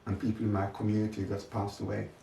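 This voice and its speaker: This older interviewee has a low, gravelly yet mellow voice, talks fast, and delivers everything completely flat while reflecting on his life experiences. The audio is echoey and faintly noisy from a distant mic.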